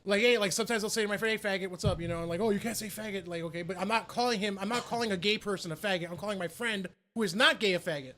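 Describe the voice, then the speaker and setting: A man in his thirties talking casually on a podcast, chatty and quick to laugh at himself. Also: high-pitched, pushed and bright, slight background noise. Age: 30s. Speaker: podcast co-host. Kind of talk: casual crude banter.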